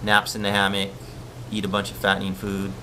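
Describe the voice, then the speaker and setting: A man from Hawaii keeps it easygoing while hosting a surf live stream and fielding viewers' questions. His low voice is brisk, set against faint outdoor ambience and some background noise.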